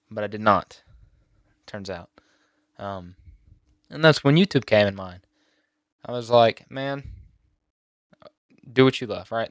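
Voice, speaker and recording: A teenage boy talking on his own channel, emotional and halting, near tears at times. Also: fairly low pitch, clear, resonant tone, dry recording, clean studio sound. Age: teens. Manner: emotional, halting with many fillers and restarts. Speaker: YouTuber. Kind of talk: personal vlog talk.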